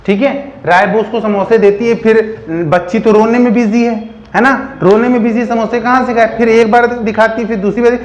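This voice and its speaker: A man with a fairly high voice teaches a biology lesson by telling a story. He keeps asking the listener questions and answers them himself. The room around him sounds echoey. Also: little pitch movement, normal speed, hardly any pauses, highs cut off. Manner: keeps checking in with "theek hai".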